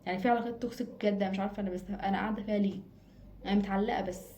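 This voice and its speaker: A woman's voice: medium pitch, steady tone, very fast, mellow, slight background noise. A woman with an Egyptian Arabic accent giving casual advice straight to her own camera, emphatic and repeating phrases for stress. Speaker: advice vlogger. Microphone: self-filmed camera.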